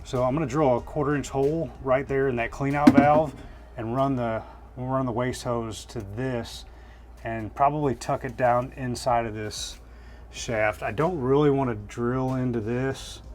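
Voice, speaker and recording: A man's voice: mid-range voice, fairly even intonation, moderate pace, background noise. A man inside a small camper giving a casual, hands-on installation tutorial, plain-spoken and thinking aloud as he works. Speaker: DIY RV vlogger.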